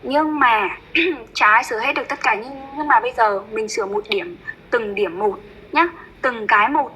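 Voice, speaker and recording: A woman tutoring English pronunciation one-on-one, patient and coaxing, modeling words slowly and repeating them. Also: fairly high pitch, pushed and bright, a little hiss or hum, rough recording.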